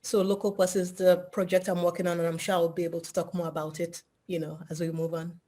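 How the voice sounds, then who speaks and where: Nigeria-born female panelist, low voice, relaxed conversational intro. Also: fast. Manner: relaxed, conversational with "you know". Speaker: photographer and startup founder. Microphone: video call.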